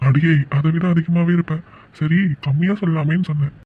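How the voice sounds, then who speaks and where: A man's voice: fairly high pitch, fairly even intonation, fairly quick, husky, phone-quality sound. A man voicing a joking young man who teases his sweetheart with mock-polite sarcasm in a cartoon love story. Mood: teasing. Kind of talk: cartoon voice acting.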